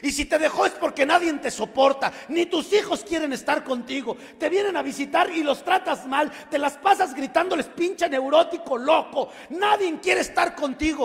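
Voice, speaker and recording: Man putting on an enraged Mexican mom, foul-mouthed rant, high gravelly voice, echoey hall. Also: moderate pace. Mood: furious scolding. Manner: crude swearing tirade, rising to shouts. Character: furious middle-aged mother cursing at her grown son.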